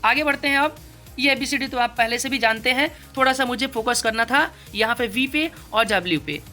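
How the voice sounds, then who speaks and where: A woman's voice: a little high, brisk, pushed and bright, soft background music. A woman teaching English phonics, explaining patiently and repeating each sound several times. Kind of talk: spoken phonics lesson.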